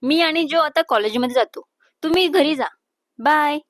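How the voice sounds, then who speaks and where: A shy young bride and student, put on by a woman narrator, speaking softly and gently in a high voice. The sound is dry and close, with a light coaxing lilt. It is told as a storybook romance. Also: moderate pace, no room sound, lightly acted. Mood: gentle.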